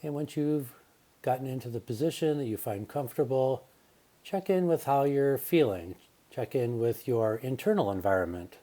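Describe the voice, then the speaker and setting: Guiding listeners through a relaxation meditation, this yoga nidra teacher uses a medium-pitched voice. His delivery is calm and gentle, with unhurried pauses throughout.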